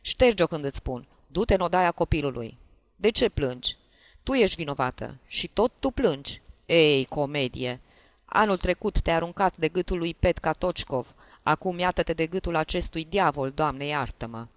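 A man voicing a tipsy, jealous husband who shouts and scolds in an audiobook. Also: fairly high pitch, expressive, no room sound. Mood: furious. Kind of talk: audiobook character voice.

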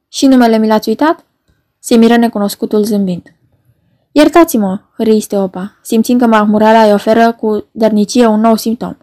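A woman reads a novel aloud in a measured, wry storytelling manner. Her voice sits a little high for a woman. The delivery is steady literary narration. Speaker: audiobook narrator.

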